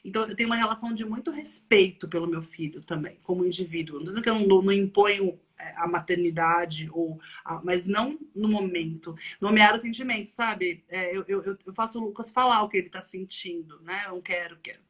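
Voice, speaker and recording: A Brazilian woman hosting a casual online chat, lively and thinking aloud as she talks. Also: medium pitch, fast talker. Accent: Brazilian Portuguese. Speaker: live stream host. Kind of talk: casual video-call chat.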